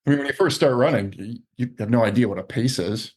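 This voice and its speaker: A man's voice: mid-range voice, fast talker, a little mellow, husky. A man co-hosting a running podcast, chatting casually and telling short, wry anecdotes. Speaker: podcast co-host. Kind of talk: casual chat.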